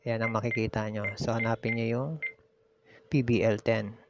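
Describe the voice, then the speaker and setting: Speaking at a moderate pace in a lowish voice with little pitch movement, this Filipino man hosts a relaxed how-to demo. He explains each step like a teacher and goes back over the important ones, captured on muffled, lo-fi audio with noise behind him.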